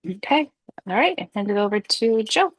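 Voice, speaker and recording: A woman's voice: mid-range voice, big pitch swings, normal speed, breathy edge, no echo. A woman chairing a committee meeting over a video call, congested, casual and polite with many fillers. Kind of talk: running a virtual meeting.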